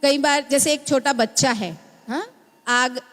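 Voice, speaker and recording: A high-voiced woman, young adult to middle-aged and the mother of a small child, preaches unhurriedly in a church hall. Her sermon is teaching in style, and she often asks the congregation "है ना?", with the hall's long reverb audible throughout.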